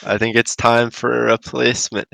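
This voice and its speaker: A man hosts a podcast, laid-back and easy as he asks his guest questions. His voice has a gravelly edge, and it sounds dry and close, with no room echo. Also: medium pitch, level tone, moderate pace, fairly bright tone. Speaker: podcast host. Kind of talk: casual chat.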